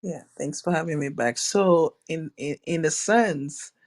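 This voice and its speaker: A woman from Ghana, a returning guest in a reflective spiritual conversation, soft-spoken and thoughtful. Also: deep voice, measured pace. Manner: soft-spoken, thoughtful, often murmurs agreement.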